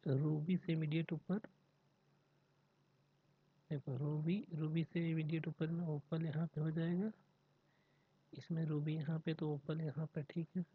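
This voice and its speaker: A man, tutoring through mock exam puzzles, reading questions slowly and then rattling off solving steps in Hindi. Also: fairly high pitch, little pitch movement, slightly rough, no echo. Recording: dry tinny phone-like audio.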